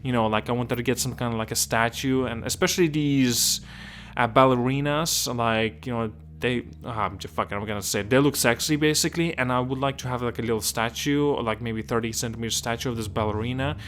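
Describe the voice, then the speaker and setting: A man's voice: mid-range voice, fairly quick, a bit bright, slight background noise. Rambling gaming vlogger man from Estonia. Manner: rambling, restarts a lot, keeps asking if it makes sense. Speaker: gaming video host. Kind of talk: casual gaming commentary.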